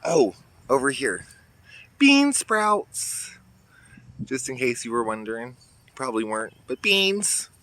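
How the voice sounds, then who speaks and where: This garden vlogger has a mid-range voice, pushed and bright, and is very animated, speaking a little slowly with long pauses. Sounding slightly congested, he chats to viewers and points out plants as he walks his garden near a road, filmed outdoors on a handheld phone with faint traffic behind him.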